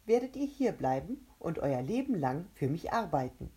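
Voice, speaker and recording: A woman voicing a gloating male monster made of a huge mouth, who taunts and shouts triumphantly. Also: low voice, sing-song, moderate pace, breathy edge, exaggerated voice.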